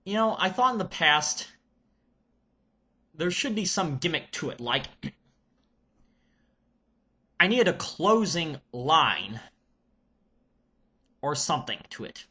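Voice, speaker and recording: A man talking casually as a video reviewer, halting and deliberate, with frequent pauses. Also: on the high side, big pitch swings, pushed and bright. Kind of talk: casual vlog announcement.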